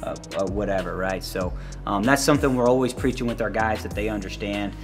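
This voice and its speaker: A man's voice: lowish voice, music in the background. A man, a college wrestling coach, giving a casual tour of his facility and filling his talk with "you know" and "um". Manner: rambling, fills every pause with "you know" and "um".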